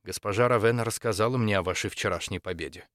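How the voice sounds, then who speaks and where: A man voicing a composed, patient female church dean in an audiobook, speaking in a measured and polite way. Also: on the low side, fairly bright tone, dry recording, clean studio sound, lightly acted. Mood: calm.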